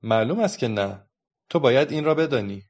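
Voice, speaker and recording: A man's voice: medium pitch, animated, lightly acted. A man voicing a patient, patronizing adult policeman who lectures a child, in a dull lo-fi recording. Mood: lecturing.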